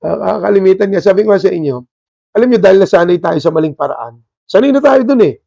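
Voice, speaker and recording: A male pastor with a Filipino accent delivers an animated sermon in a mix of Tagalog and English. His voice sits high for a man, and he keeps pressing the congregation with rhetorical questions and emphatic asides. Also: quick pace, creaky, lo-fi sound.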